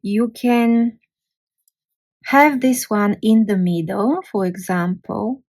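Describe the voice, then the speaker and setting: A woman's voice: mid-range voice, takes it slowly, a little mellow. A woman teaching a language lesson, sounding out letters and syllables one at a time. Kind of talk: slow, careful language lesson.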